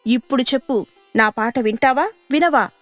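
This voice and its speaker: A woman's voice: high-pitched, normal speed, no room sound, lightly acted. A woman voicing a vain, boastful donkey in a children's radio story, talking down with haughty scorn. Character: vain boastful donkey who thinks it can sing. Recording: dry studio radio recording with faint music.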